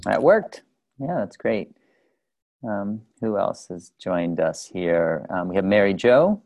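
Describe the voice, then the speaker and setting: The host of an online group call speaks in a deep, darkish, creaky voice, slow and sing-song. He patiently walks people through introductions on the video call in a casual, instructive manner.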